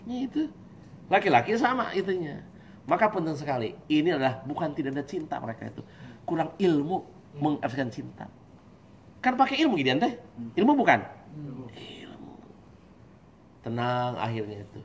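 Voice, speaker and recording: A man preaches at a religious study gathering. He talks in a lively, joking way and mimics husbands and wives. His voice sits a little high, with a faint room hum behind it. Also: brisk.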